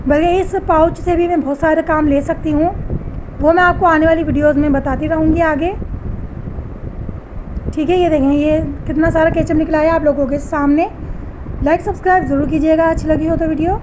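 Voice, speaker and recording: Woman, high-pitched, flat even delivery, home tips demo, patient, repeats steps, talks to viewers. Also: background noise. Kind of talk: step-by-step household tips demo.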